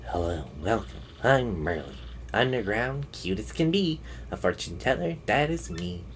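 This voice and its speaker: Man playing a quiet, rhyming fortune teller, noisy recording. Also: mid-range voice, sing-song, unhurried, gravelly. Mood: mystical, inviting. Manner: fortune teller patter in singsong rhymes. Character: cute rhyming female fortune teller, cheerful and mystical. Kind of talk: reading video game dialogue aloud.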